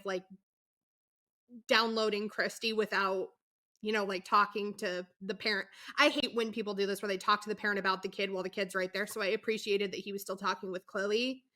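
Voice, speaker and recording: A woman co-hosting a podcast, recapping a show in a chatty, animated way, full of asides and fillers. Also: medium pitch. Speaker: podcast co-host. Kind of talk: casual chat recapping a reality show.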